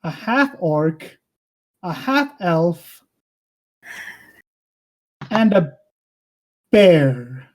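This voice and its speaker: A woman voicing a stern, suspicious male king who speaks in a slow, measured, accusing way in a tabletop game. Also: fairly low pitch, big pitch swings, full character voice.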